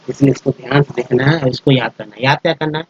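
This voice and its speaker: A man's voice: medium pitch, fast talker, slightly rough, lo-fi sound. A man teaching a lesson over slides, explaining step by step, spelling letters out and repeating words, and often checking that his listeners follow. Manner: addresses viewers as friends, checks with "ठीक है". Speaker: English teacher.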